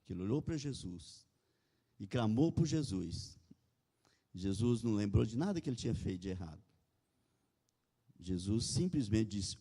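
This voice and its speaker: A man gives a sermon in a low, mellow voice. He reads scripture, retells it in his own words and calls for amens. His voice rings with the long reverb of a large hall. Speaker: preacher. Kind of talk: sermon with guided imagining.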